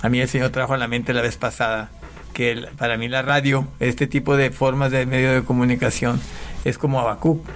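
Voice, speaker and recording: A man from Panama speaks as a pastor guest on a radio show. He tells his testimony in a halting way, breaking off and restarting phrases at the studio microphone, with a faint hiss underneath. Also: medium pitch, flat delivery. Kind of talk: conversational testimony.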